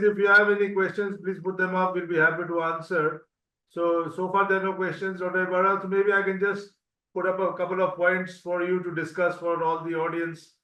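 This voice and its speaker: A man moderating an online medical Q&A over a bad video-call connection, halting with many fillers. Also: a little high, bright, forceful tone. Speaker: webinar moderator. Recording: roomy, distant, dull online call audio.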